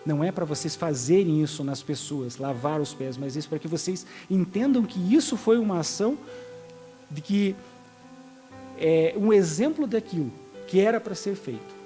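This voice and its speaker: A man's voice: a little high, lively intonation, moderate pace, dark tone, faint music behind. A man preaching a sermon in a conversational, explanatory way, acting out the lines he quotes and often restarting his sentences.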